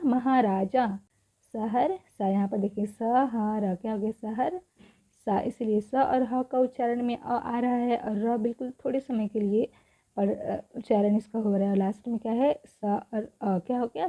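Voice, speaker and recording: A woman with a fairly high voice teaches spelling, spelling each word out letter by letter and then saying it again. She keeps asking the viewer short rhetorical questions. The recording sounds dull and lo-fi. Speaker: English teacher. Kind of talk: spelling lesson, Hindi explanation.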